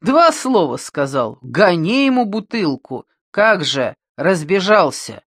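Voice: medium pitch, very animated, takes it slowly, no room sound, clean studio sound, full character voice. A reader doing a blunt hulking thug. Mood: grumbling. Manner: blunt, grumbling.

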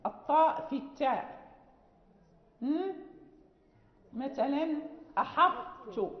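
A woman teaching a class on Quran recitation, explaining patiently and often checking that students follow. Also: high voice. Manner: patient explaining, frequent restarts and checking questions. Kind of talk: classroom lecture. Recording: echoey hall, dull lo-fi sound.

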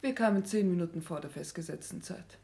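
In a 1960s German radio drama, an actress portrays an earnest, proud young countess who is a dutiful daughter, speaking formally and often in a hush. Her voice is on the low side and gravelly, a little fast, with a hushed, wondering mood.

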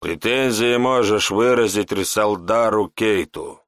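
A man's voice: medium pitch, expressive, takes it slowly, dry recording, pitched above the performer's own voice. A man voicing a phlegmatic older male guard, a grandfather, in an audiobook. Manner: phlegmatic, dry.

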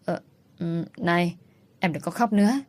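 A woman voicing a composed, confident young businessman who speaks calmly and firmly, a little exasperated. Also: fairly low pitch, normal speed, close to an everyday voice. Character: composed, self-assured wealthy young man, a businessman.

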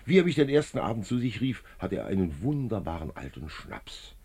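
Deep, husky, genial old commissioner. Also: male voice, very animated, brisk, a little mellow, heavily acted. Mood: chatty, jovial. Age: older. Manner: jovial, chatty, sly probing with little chuckles. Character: genial, wily older male police commissioner. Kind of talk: 1950s German radio play acting.

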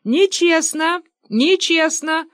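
A reader voicing a tiny, frightened male tyrant who squeaks and pleads in an audiobook. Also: slow pace, a bit bright, no room sound, clean studio sound, exaggerated voice. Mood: squealing. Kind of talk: audiobook narration.

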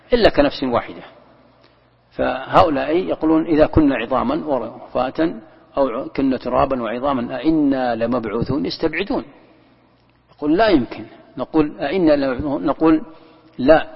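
A sheikh gives a Quran commentary lesson, explaining step by step, repeating key words and showing how a verse is recited. His medium-pitched voice is gravelly and slightly rough, recorded dull and lo-fi in a hall with long echoes.

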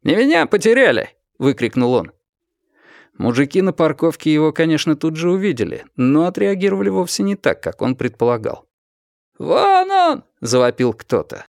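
A man's voice: on the high side, lively intonation, fairly quick, darkish tone, no echo. Man with a dry audiobook narration.

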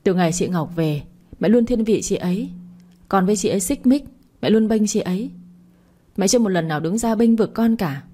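A woman's voice: mid-range voice, animated, brisk, mellow, close to an everyday voice. A woman voicing a scheming grown daughter who pleads and stammers defensively. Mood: pleading.

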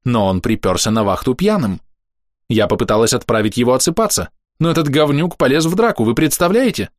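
A man's voice: medium pitch, lively intonation, a little fast, no room sound, studio quality, pitched above the performer's own voice, lightly acted. A man voicing a tough, blunt young female first officer who talks in a brash, indignant, coarse way in an audiobook.

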